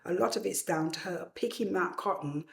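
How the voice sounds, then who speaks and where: Creaky older woman in an echoey room. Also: fairly low pitch, normal speed. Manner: emphatic repetition. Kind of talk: reflective personal testimony.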